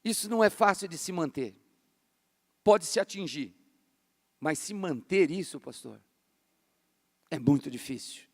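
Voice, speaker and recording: A Brazilian pastor in his fifties preaches a fervent yet casual sermon in a large church hall, saying "cara" a lot. His voice is on the high side and animated, unhurried, with frequent pauses, and long hall reverb fills the recording.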